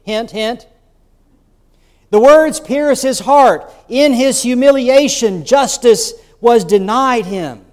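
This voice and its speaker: A bishop with a very high, darkish voice preaches a sermon in a church sanctuary, telling the story conversationally with rhetorical asides. Long church reverb trails his words.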